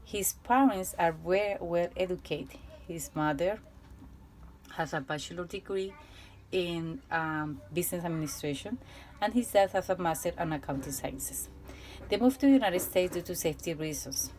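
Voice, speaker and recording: Low-voiced Colombian-accented woman teacher. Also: darkish tone, rough recording. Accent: Colombian Spanish. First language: Spanish. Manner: careful, halting delivery with restarts and fillers. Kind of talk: reading a prepared case report.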